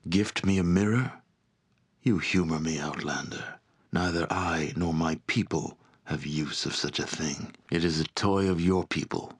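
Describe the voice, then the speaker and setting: In dramatic video game voice acting, a low-voiced male actor plays a proud, domineering barbarian chieftain with a dragon's spirit. He speaks with gravelly, imperious contempt.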